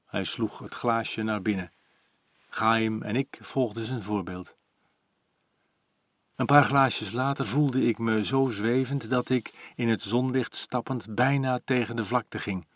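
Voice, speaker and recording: A man in his forties calmly reading a first-person story aloud, even and reflective. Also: mid-range voice, takes it slowly, dry recording. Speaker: audiobook narrator.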